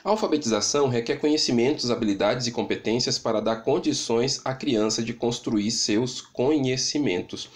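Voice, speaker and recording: A man's voice: mid-range voice, normal speed, hardly any pauses. A man with a Brazilian Portuguese accent recording a lecture from his home, explaining step by step and often checking in with "né?". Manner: explanatory, frequent "né?" tag questions. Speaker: teacher. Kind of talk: recorded lecture on literacy stages. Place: home with an open window.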